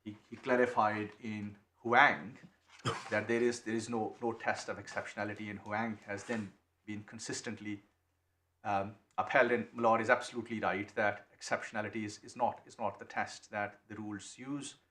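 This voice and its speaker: A man making a legal submission to appeal judges, halting and restarting often as he speaks. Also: lowish voice, little pitch movement, sharp tone. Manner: halting, many restarts and repeated words. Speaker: barrister. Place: courtroom. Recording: echoey courtroom, faint noise.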